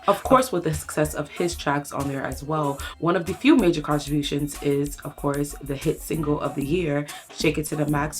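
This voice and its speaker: A woman presenting scripted entertainment news as a host, speaking directly to viewers in an upbeat presenter's delivery. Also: low voice. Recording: music playing under the voice. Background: music bed.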